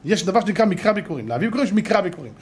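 High-voiced, animated rabbi giving a lesson. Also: male voice. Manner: animated, acts out stories, rhetorical questions. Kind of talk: Torah lesson.

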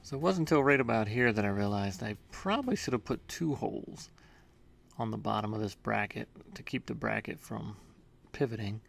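A man's voice: on the low side, vocal fry. A man narrating his own workshop build in a casual voice-over, explaining each step in a plain, matter-of-fact way with small hesitations. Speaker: home workshop maker.

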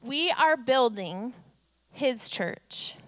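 A woman in her thirties preaches from a church stage with a high, bright voice. She drives her points home with rhetorical questions and acts out quotes. The sound through her handheld mic is close and dry. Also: lively intonation, drawn-out words, no echo. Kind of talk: sermon.

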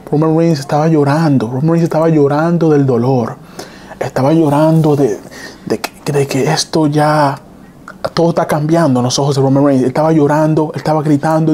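Excited man recapping wrestling live. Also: a little high, a little hiss or hum. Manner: excited, repetitive play-by-play retelling. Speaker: wrestling streamer host. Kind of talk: live-stream recap with chat reading.

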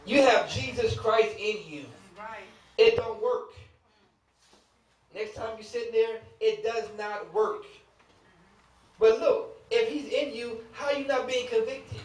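High-voiced preacher in an echoey church. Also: male voice, slow pace, pauses often, a little hiss or hum. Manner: emphatic preaching with rhetorical questions and humor; casual conversational asides to the congregation. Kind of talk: sermon. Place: church sanctuary. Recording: echoey room, mic at a distance.

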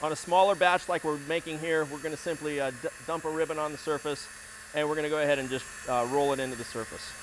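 A middle-aged man talks through a hands-on demonstration in a large warehouse, pausing on fillers and restarting sentences as he works. His voice sits a little high for a man, picked up on a lapel mic while he kneels on the floor. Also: steady tone, a little hiss or hum. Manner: practical, explanatory, with frequent fillers and restarts. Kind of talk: instructional demonstration.

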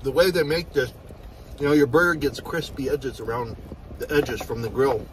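A man's voice: medium pitch, moderate pace, a little hiss or hum, rough recording. A chatty, enthusiastic man reviewing food, talking while chewing. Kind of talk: casual food review vlog.

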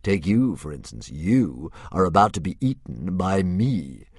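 A man voicing a huge, smug male dragon who talks like a philosopher, with slow, low, silky menace. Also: big pitch swings, a little mellow, husky, no room sound, clean studio sound, full character voice. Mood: menacing.

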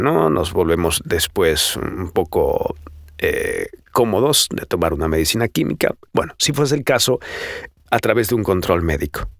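A man's voice: deep voice, dry recording, clean studio sound. A man with a cold, hosting a casual podcast and teaching how to breathe and stop sounding nasal, speaking animatedly and demonstrating sounds. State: congested with a cold. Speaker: voice coach podcaster. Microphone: close studio microphone.

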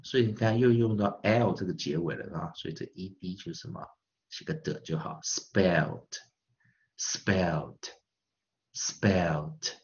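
A male pronunciation teacher giving a classroom lesson, asking the class questions and drilling words by repeating them slowly and stretched out. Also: sits low, lo-fi sound. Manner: asks the class rhetorical questions.

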